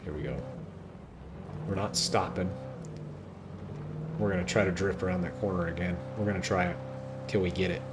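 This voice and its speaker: A man streaming a video game, giving excitable, chatty commentary to his chat. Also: sits low, normal speed, pauses often, heavy background noise. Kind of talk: casual gameplay commentary.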